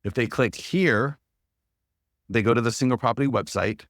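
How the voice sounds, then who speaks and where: A man's voice: medium pitch, normal speed, no echo, clean studio sound. A man presenting an instructional webinar, walking through steps as a checklist in an upbeat, practical way.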